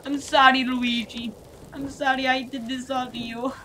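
A man's voice: very high-pitched, little pitch movement, normal speed, bright, forceful tone. A man voicing an apologetic video game hero in an amateur skit, whiny and melodramatic. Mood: pleading, sorry. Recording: noisy home recording with clicks.

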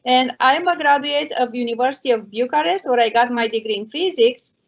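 A woman introduces herself on a panel by webcam. Her voice is fairly high, and she speaks in a precise, slightly formal way. The video-call audio is a little muffled. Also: brisk, creaky. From Romania. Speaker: panelist, physics professor.

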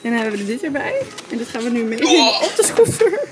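A young woman with a Dutch accent, chatting casually to a handheld camera at arm's length in her apartment, thinking aloud in a relaxed way. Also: a little high, quick pace, loud music behind the voice. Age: young adult. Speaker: vlogger. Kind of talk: casual vlog chat. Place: apartment living room, indoors.

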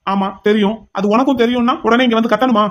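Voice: mid-range voice, fairly even intonation, fast talker, a bit bright, muffled recording, close to an everyday voice. A voice actor playing a stern older brother who scolds his sibling firmly. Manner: scolding, firm.

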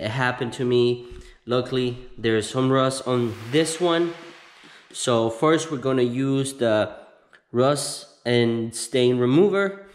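A man in his thirties hosting a casual how-to video in a home garage, explaining each step slowly with plenty of ums and restarts. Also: mid-range voice. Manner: slow, halting step-by-step explaining with many fillers. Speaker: host of a how-to channel. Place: home garage with door open.

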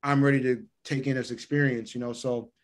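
Talking over a video call from beside a window indoors, a middle-aged podcast guest walks through his routines in a conversational way, repeating phrases to stress them. He speaks a little fast in a mid-range voice that barely shifts in pitch.

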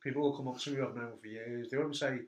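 A middle-aged man hosting a casual interview chat, telling stories with animated bursts. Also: mid-range voice, racing. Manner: animated storyteller, voice jumps up when telling funny bits. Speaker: host. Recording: echoey room.

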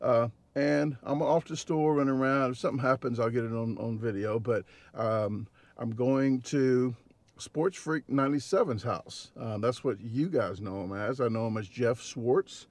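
Midwest guy, 40s, gravelly voice, vlogging from his parked car, lots of ums and restarts. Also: medium pitch, normal speed, a little mellow, no echo. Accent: Midwestern American. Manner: chatty, rambling, lots of fillers and restarts. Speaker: vlogger and competitive eater. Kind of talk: casual vlog talk to camera. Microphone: camera mounted on dashboard.

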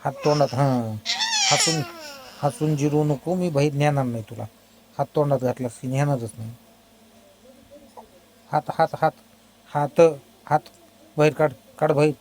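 A man talking to a baby he is minding as its uncle, in a warm, dark tone. He coaxes and mock-scolds, repeating short commands again and again. A faint room hum sits behind him. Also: fairly high pitch, normal speed, poor audio. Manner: coaxing, mock-scolding, repetitive. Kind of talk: casual baby talk.

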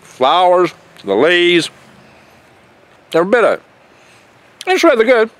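An older man with a high, clear, resonant voice and fairly bright tone speaks unhurriedly, his pitch swinging hugely. He hosts a foraging channel, vlogging outdoors among pine trees in his garden, rambling in a folksy, chatty way with small jokes and stumbles. A handheld camera mic held close picks him up.

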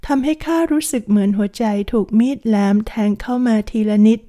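A woman narrating a translated historical romance novel in a calm, measured reading voice. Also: on the high side. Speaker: audiobook narrator.

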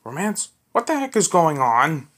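A young man voicing an upbeat young male cartoon character for a fan skit, loud and eager. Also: fairly high pitch, expressive, brisk. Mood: annoyed.

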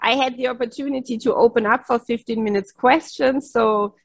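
Speaking briskly in a slightly high voice with fairly even intonation, a middle-aged German-native woman chats over a video call from her home office on a headset. She's a keynote speaker, cheerful and quick to laugh, with many "yes" and "right" tags. The audio has no room sound.

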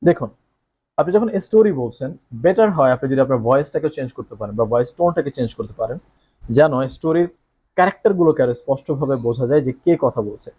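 A man teaching English who explains how to read a story aloud, often reading lines slowly with exaggerated expression and asking the listener tag questions. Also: medium pitch, expressive, mellow, husky.

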